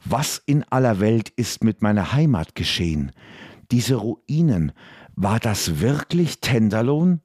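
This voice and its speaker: A man's voice: fairly low pitch, big pitch swings, takes it slowly, darkish tone, husky, no room sound, clean studio sound, pitched above the performer's own voice, heavily acted. A man voicing a distraught young elf woman who speaks with urgent resolve.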